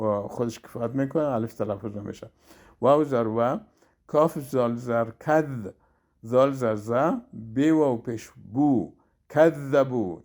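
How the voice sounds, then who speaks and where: Man, Quran reading teacher, spells letter by letter, slow patient drill, mid pitch. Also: a little mellow. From Afghanistan. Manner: spells each letter and vowel aloud, then blends the word slowly. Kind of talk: spelled-out recitation lesson.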